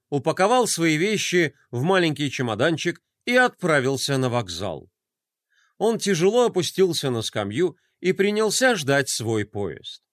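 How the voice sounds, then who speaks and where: A man narrating a children's audiobook in an expressive, lively way. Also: on the high side, no room sound, clean studio sound. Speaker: storyteller.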